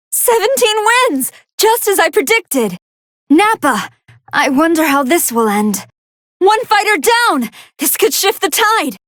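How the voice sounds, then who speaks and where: A woman's voice: high voice, a bit bright, no echo, studio quality, exaggerated voice. A woman voicing a brainy female android scientist who gives articulate, analytical commentary on battles in a video game. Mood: excited, amazed. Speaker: fight commentator.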